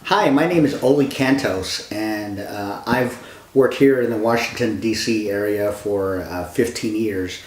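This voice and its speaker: Calm low-voiced man, echoey room. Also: a little slow. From California. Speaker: panel guest, attorney. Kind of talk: casual panel conversation.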